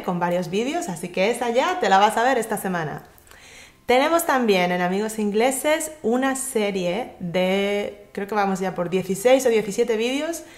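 A woman gives a lively, direct tutorial on English pronunciation straight to the viewer. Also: medium pitch, reverberant. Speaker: English pronunciation teacher and YouTube host. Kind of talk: casual tutorial talk to camera.

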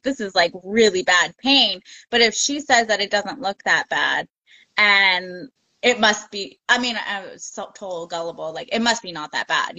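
A woman guest on a podcast, chatting casually and telling animated stories, acting out quotes from others. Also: mid-range voice, no echo, rough recording. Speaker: podcast guest, ultra runner. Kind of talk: casual interview chat.

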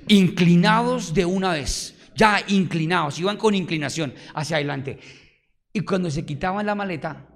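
A male preacher delivers a lively sermon in a fairly high voice. He swings from loud exclamations down to quiet murmurs. He keeps putting rhetorical questions to his congregation. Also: moderate pace, gravelly.

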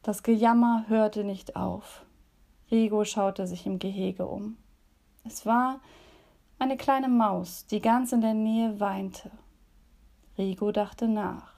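Slow, gravelly woman leading a devotion. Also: medium pitch, steady tone. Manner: gentle, soft, at times whispered. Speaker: devotion leader and storyteller. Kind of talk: calm devotion with story reading.

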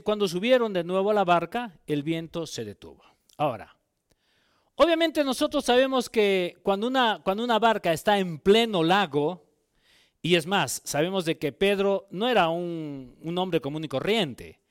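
A man's voice: sits high, smooth, no room sound, studio quality. A man preaching a sermon. He reads a Bible passage aloud and asks the listeners rhetorical questions.

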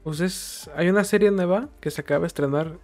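A man's voice: high voice, brisk, darkish tone, faint music behind. A man chatting casually on a podcast, giving wry, sarcastic commentary. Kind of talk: casual chat.

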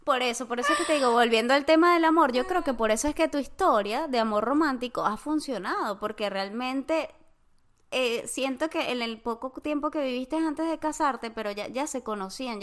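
A woman's voice: on the high side, a bit bright. A woman, co-hosting a podcast over a video call, reflecting in casual, colloquial chat. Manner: reflective, explains her views with colloquial asides. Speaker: podcast co-host.

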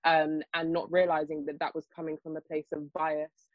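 A young woman of Nigerian heritage raised in the UK, a guest on a discussion panel, talking quickly with many fillers and restarts. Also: low-pitched, completely flat delivery, no echo, lo-fi sound. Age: young adult. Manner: fast, hesitant, lots of fillers and restarts. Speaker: panel guest, children's author.

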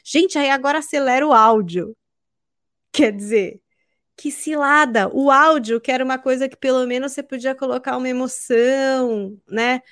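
A woman with a Brazilian accent chats on a podcast in a fairly high voice, telling everyday stories and playing out small bits of dialogue. The sound is dry and close, with no room around it. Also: normal speed, fairly bright tone, dry recording. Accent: Brazilian Portuguese. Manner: chatty, storytelling, acts out little quoted exchanges. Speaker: podcast co-host, presenter. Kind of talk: casual podcast chat.

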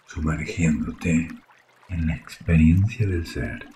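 A man with a Rioplatense Spanish accent leads a guided sleep meditation in a soft, soothing, hushed delivery with long pauses. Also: extremely low pitch, slight background noise. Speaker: yoga nidra guide. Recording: faint water ambience behind voice. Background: trickling water sounds.

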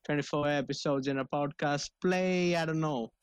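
Male co-host, fairly high voice, very dry close sound, rambling slangy chat that doubles back on words. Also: moderate pace, clear, resonant tone, no echo. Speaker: podcast co-host. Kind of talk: casual chat.

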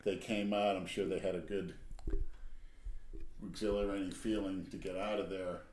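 A man's voice: deep voice, little pitch movement, moderate pace, darkish tone. A man co-hosting a podcast in casual chat, rambling as he muses aloud, his voice echoey and a bit far from the mic. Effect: echoey, roomy sound. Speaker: podcast co-host. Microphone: too far from the mic. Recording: echoey room, faint noise, off-mic.

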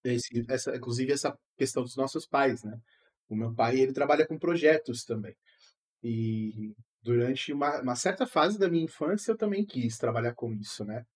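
A man's voice: mid-range voice, normal speed. A man with a Brazilian Portuguese accent talking informally and slangily in a casual podcast chat.

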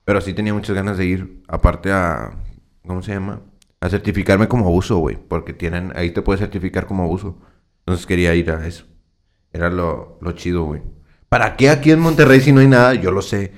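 A young man tells stories in a laid-back, slang-heavy way. His voice is low. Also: brisk. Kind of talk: casual chat among friends.

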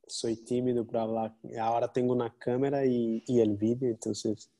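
A man of medium pitch talks casually as a guest in an interview. His Spanish is a portuñol, mixed with Portuguese and carrying that accent. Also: level tone, moderate pace, warm tone. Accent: Portuguese-influenced Spanish. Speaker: podcast guest, jiu-jitsu gym representative.

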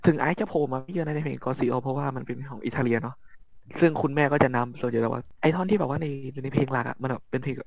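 A man's voice: mid-range voice, very fast, gravelly, dry recording. A man chatting casually as a guest fan, blunt and jokey, with casual swearing. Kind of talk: casual chat.

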